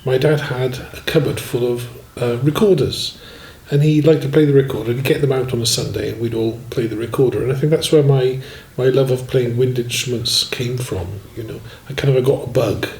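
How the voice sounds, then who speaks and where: A man in his sixties from Swansea, a musician telling his life story in a relaxed, rambling way and often saying "you know". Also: medium pitch, brisk, hardly any pauses. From Swansea, Wales. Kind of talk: relaxed autobiographical chat. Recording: echoey room.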